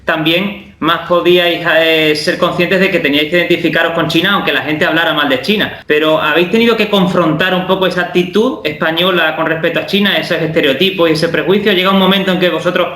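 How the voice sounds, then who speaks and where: A man interviewing guests fires off questions at a fast clip, probing and direct. His voice is bright and forceful, and a little high for a man. The room around him is echoey. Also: fairly even intonation. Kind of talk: conversational interview.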